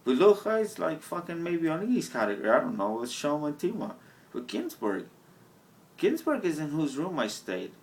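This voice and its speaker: At an outdoor bus stop, a young vlogger with a faint Scottish-tinged accent rambles profanely into his camera mic in a stream-of-consciousness monologue, often laughing at himself. His voice sits fairly high, swoops wildly in pitch, and moves at a moderate pace.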